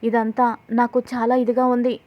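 A kind young daughter-in-law from a family drama retelling speaks with worried respect, read out by a woman. Her voice is fairly high and even. The audio sounds slightly dull. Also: moderate pace, lightly acted.

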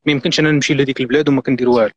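A man's voice: mid-range voice, fairly even intonation, racing, dry recording. A middle-aged man from Morocco with a Moroccan accent, a guest on a live stream, giving earnest, insistent advice and mixing in French and English words.

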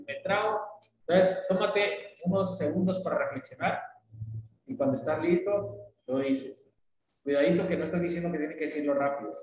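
A man from Latin America gives a patient English lesson, explaining with images and checking in with questions. His voice sits a little high. It rings through a strongly echoey room. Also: a little hiss or hum. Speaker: English teacher.

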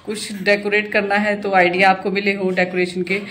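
A woman's voice: mid-range voice, level tone, a little fast, fairly bright tone. A woman in her thirties, a vlogger chatting casually as she walks through a rented apartment and points out the rooms. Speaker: vlogger giving a home tour. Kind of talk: casual home tour narration.

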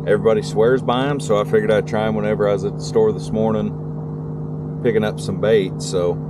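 A middle-aged man, excitedly fishing from a kayak outdoors and talking to the fish, recorded on a kayak-mounted camera. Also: lowish voice, fairly quick. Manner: excitable, talks to the fish, exclaims loudly. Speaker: kayak angler. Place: kayak on open tidal water, outdoors. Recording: loud wind and water noise outdoors. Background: wind and water.

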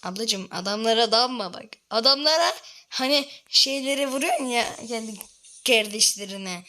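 A woman chatting excitedly and swearing while playing a phone game with her older sister at home, often shouting and laughing. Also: on the high side, moderate pace. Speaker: gamer recording gameplay with her older sister. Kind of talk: excited casual gameplay chat.

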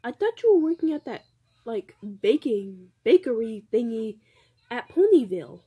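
A woman's voice: on the high side, big pitch swings, moderate pace, mellow, breathy edge. A woman voicing a fussy young female customer in a doll play, whiny and complaining.

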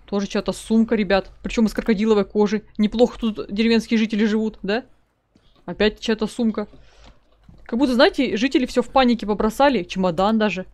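A woman's voice: medium pitch, a little mellow. A woman giving casual gameplay commentary as a let's play gamer, chatting to her viewers and reading in-game notes aloud.

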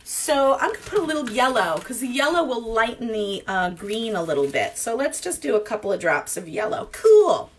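A woman's voice: fairly high pitch, sing-song, normal speed, hardly any pauses, slight background noise. A woman in her forties teaching a live cooking class from her home kitchen, rambling and thinking aloud with lots of fillers.

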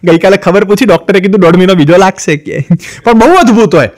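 High-voiced fast-talking Gujarati comic man. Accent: Gujarati, Ahmedabad. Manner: acts out quoted wives and husbands in raised voices. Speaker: stand-up comedian. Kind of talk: Gujarati joke telling to camera.

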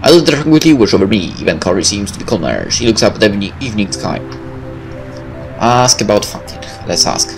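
Over game music, a gameplay host narrates a visual novel in a fairly low but sing-song voice, talking fast. He keeps breaking off for laid-back, jokey comments laced with swearing.

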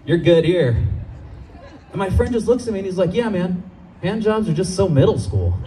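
On an outdoor stage, a young comedian from Los Angeles works a handheld mic at a moderate pace, lively and switching to high-pitched voices for the people he quotes. The recording is rough.

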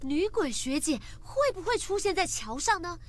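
A woman's voice: very high voice, very animated, unhurried, full character voice. An actress playing a cheerful young woman hosting a livestream in a video game, upbeat and presenter-like.

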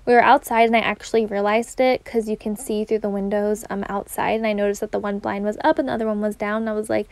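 A woman's voice: mid-range voice, little pitch movement, fast, gravelly, few pauses, darkish tone, no room sound. A young adult woman chatting casually to camera about cleaning at home, talking in a loose, rambling way with lots of fillers. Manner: chatty, uses many "like" and "um" fillers. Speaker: cleaning vlogger.

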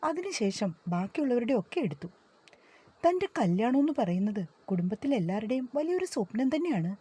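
A woman narrating a family story, gently voicing the relatives' lines now and then. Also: fairly high pitch, very animated, brisk, slightly rough. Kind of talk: scripted story narration with dialogue.

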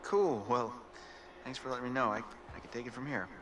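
A man's voice: medium pitch, brisk, background noise, close to an everyday voice. An actor voicing a cocky, playful young male college student in a video game. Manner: joking, playful. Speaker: game character.

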